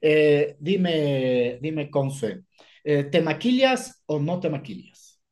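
A man's voice: a little high, lively intonation, takes it slowly, a little mellow. A man hosting an academic podcast in a casual, joking way, with many fillers. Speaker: podcast host.

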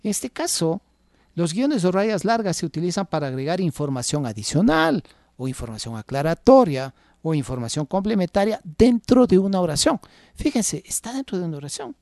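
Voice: moderate pace, dry recording, studio quality. A radio host teaching academic writing who reads punctuation marks aloud, repeats each example and drops in "ajá" asides. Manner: lively, varied pitch with frequent "ajá" asides.

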